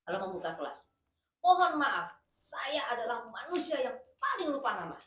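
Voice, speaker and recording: A woman's voice: high-pitched, very animated, normal speed, pushed and bright. A woman chatting casually in a classroom, polite and self-deprecating. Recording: echoey room, mic far off.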